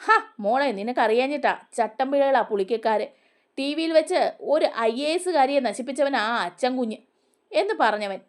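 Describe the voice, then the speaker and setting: A man's voice: very high voice, animated, moderate pace. A woman voicing a stern, protective old grandfather who warns bluntly, in a storybook retelling. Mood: earnest. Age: older. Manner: warning, blunt.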